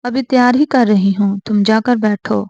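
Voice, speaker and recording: A woman's voice: on the high side, steady tone, a little mellow, dry recording, highs cut off, close to an everyday voice. A woman voicing a stubborn, sulky young wife. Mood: defiant sulky. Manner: defiant, sulky.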